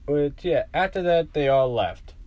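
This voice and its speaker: A man's voice: a little high, animated, a little slow, no echo, muffled recording. A young man with a sore throat, telling a fan story in a rambling, casual way full of "like", recorded on a home mic. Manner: rambling, filler-heavy with frequent "like".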